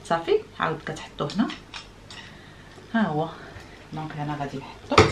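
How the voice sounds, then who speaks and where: A woman's voice: low voice, big pitch swings, brisk, very noisy. A middle-aged woman with a Moroccan accent, chatting casually to her viewers, explaining and demonstrating things with French words mixed in. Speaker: vlogger.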